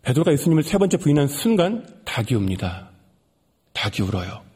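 A man preaching a sermon and retelling a story with dramatic swings, rising for emphasis and dropping to soft, hushed lines. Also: on the high side, sing-song, brisk, slightly rough. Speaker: pastor.

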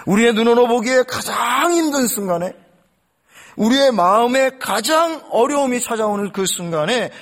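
A male pastor preaching an impassioned sermon and addressing the congregation directly. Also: high-pitched.

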